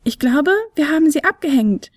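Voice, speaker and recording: Fionella, a woman's high, jittery little flute. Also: no echo, clean studio sound. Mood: anxious. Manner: high, excited, quick to worry. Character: Fionella, a small talking flute, female, nervous. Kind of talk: audiobook character voice.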